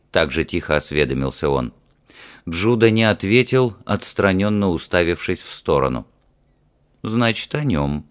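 A man narrating a fantasy audiobook in a measured, even storytelling manner. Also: sits low.

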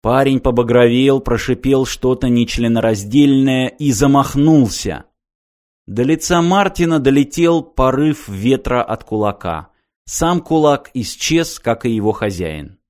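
A man's voice: mid-range voice, measured pace, a little mellow. Man narrating an audiobook.

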